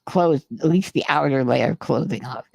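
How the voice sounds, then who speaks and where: A man co-hosting a podcast tells a long, rambling anecdote in casual chat, swearing freely as he goes. His mid-range voice carries vocal fry and moves at a moderate pace. The recording is dry.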